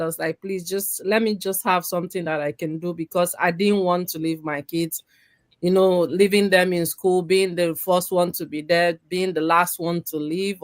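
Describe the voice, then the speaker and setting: A woman's voice: fairly low pitch, no echo. A woman giving an earnest, tearful personal testimony, often breaking off and restarting her sentences. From Nigeria. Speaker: community member giving a testimony.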